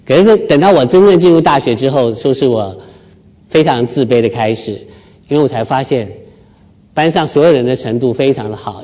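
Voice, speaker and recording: In a mellow, mid-range voice, a middle-aged man from Taiwan shares humorous, self-mocking stories from his own life. He's giving a public talk to a live audience in a lecture hall.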